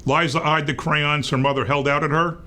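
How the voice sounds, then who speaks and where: Bright-voiced man reading to young kids. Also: a little high, a little fast. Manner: expressive read-aloud for little kids. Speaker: storybook reader. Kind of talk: reading a picture book aloud to young children.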